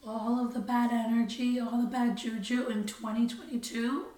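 Hoarse woman co-host, chatty and roomy. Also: a little high, fairly even intonation, dark tone. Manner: chatty, quick, laughing between lines. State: hoarse, losing her voice. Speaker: podcast co-host. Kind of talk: casual chat. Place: living room. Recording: roomy echo, mic far off.

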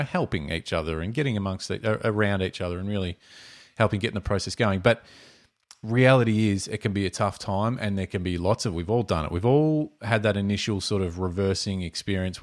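A man with an Australian accent in casual conversation as a co-host, colloquial and thinking out loud as he goes. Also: on the low side. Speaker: podcast co-host. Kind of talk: casual chat.

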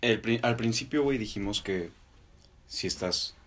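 A young man with a Mexican accent co-hosting a podcast, debating casually and deliberately in short, halting phrases. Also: fairly low pitch. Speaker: podcast co-host.

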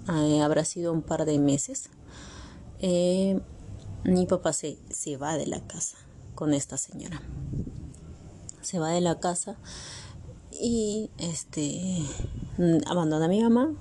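A young woman recounts her family's past in an unhurried, halting way, often pausing and filling the gaps with soft hesitation sounds. Her voice is low and mellow. A faint hiss sits under the recording. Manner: hesitant, with frequent pauses and filler sounds. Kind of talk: personal storytelling.

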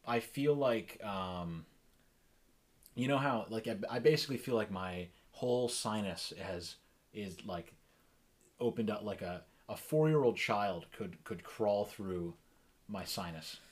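Man, podcast co-host, lowish voice, giggly, halting restarts, improvised comedy banter. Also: lively intonation.

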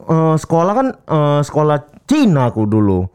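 A man telling a school story in casual chat, brisk and chuckling. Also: on the high side, wildly swooping pitch, darkish tone, smooth.

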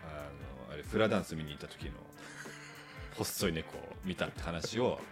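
A man's voice: rumbling low, moderate pace, music in the background. A man co-hosting a casual podcast chat, agreeing often with fillers and laughing easily. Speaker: podcast co-host. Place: rental room, recorded in person.

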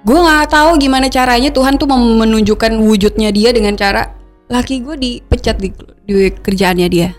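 Animated woman, faint music. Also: on the high side, moderate pace. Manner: animated, breaks into laughter, mixes in English words. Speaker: podcast guest. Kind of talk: candid conversational storytelling.

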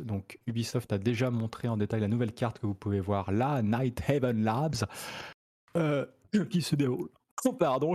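A man's voice: mid-range voice, a little mellow. A man hosting a casual gaming news chat, talking with many hesitant fillers and joking asides. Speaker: host of a gaming news show.

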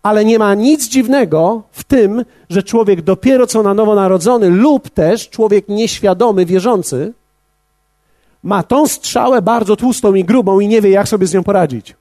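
A man preaching a sermon as pastor, measured and speaking directly to his congregation. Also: sits high, mellow, dry recording.

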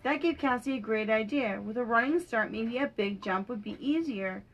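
A young podcast storyteller reads a children's picture book aloud, gentle and lightly animated, lifting her voice slightly for each character. Her fairly high voice moves at a normal speed over lo-fi sound.

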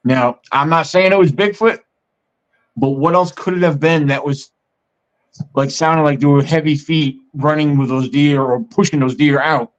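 A man with a fairly high voice talks in a loose, meandering way, as if chatting with a guest on his own show. The recording sounds muffled and lo-fi. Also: fairly even intonation, moderate pace. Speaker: podcast host. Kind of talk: casual storytelling. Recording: muffled lo-fi audio.

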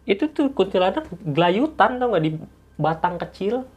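A man's voice: high-pitched, big pitch swings, moderate pace, darkish tone, husky. A man, chatting as a guest who tells office ghost stories and acts out the sounds with little noises. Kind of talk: casual storytelling chat.

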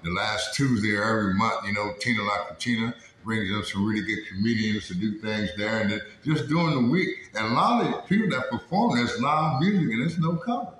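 A man's voice: lowish voice, lively intonation, brisk, few pauses, fairly bright tone. A man hosting a casual interview show in a small room, chatting in a folksy, colloquial way. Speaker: host of a weekly interview show. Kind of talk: casual chat. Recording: echoey small room, faint noise.

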